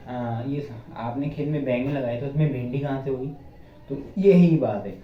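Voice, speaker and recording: In this casual vlog, a young man in India cleans the rooms of his village house, rambling, cracking jokes and calling his viewers "brothers" while slightly out of breath. His voice sits at medium pitch. The phone camera, used with no external mic, picks up dull lo-fi audio in an echoey room plus a bit of background noise.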